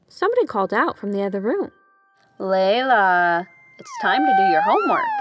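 A woman narrating a children's story in a gentle, expressive way. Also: mid-range voice. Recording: narration over background music. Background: music.

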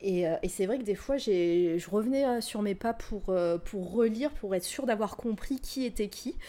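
Young woman, stream co-host, casual chat, hesitant, fillers and restarts, medium pitch. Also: moderate pace, warm tone. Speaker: co-host of a web radio stream. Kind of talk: casual live-stream chat, book recommendation.

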